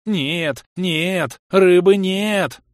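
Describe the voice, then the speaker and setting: A man's voice: sits high, no room sound, clean studio sound, voice pushed up. A man voicing a small cowardly male swamp water-creature that wails in panic and drags out its words. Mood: panicky shrieking. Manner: panicky wailing squeal, drawn-out words.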